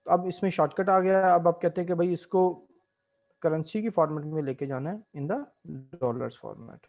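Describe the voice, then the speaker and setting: A man with a fairly high voice, speaking at normal speed, teaches Excel in a screen-recorded software tutorial. He walks through spreadsheet tasks step by step at a steady teaching pace, mixing English terms into his explanations.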